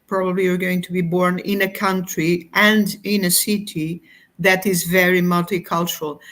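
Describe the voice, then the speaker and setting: A middle-aged woman from Portugal, a guest explaining her views in a thoughtful, unhurried way with frequent pauses. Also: on the low side. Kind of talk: explanatory conversation.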